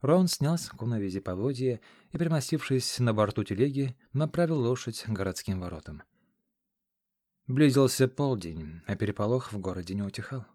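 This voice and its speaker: A man reads a first-person fantasy audiobook in a measured, dramatic way. His pitch sits in the middle range for a man. The recording is dry and close, with no room sound. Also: darkish tone, no echo. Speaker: audiobook narrator.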